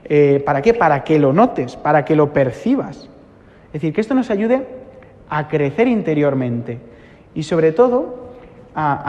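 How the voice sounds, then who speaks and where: A man preaches in an earnest, repetitive style, with a fairly high voice for a man. His voice rings with long reverb in a church. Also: dark tone, lo-fi sound. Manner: earnest, repeats phrases for emphasis. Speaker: priest. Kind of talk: sermon.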